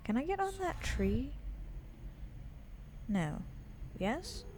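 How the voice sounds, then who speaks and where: Slow, flustered woman playing a game. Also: sits high, very animated, darkish tone, slight background noise. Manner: chatty, flustered self-talk. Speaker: let's play host. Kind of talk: gameplay commentary.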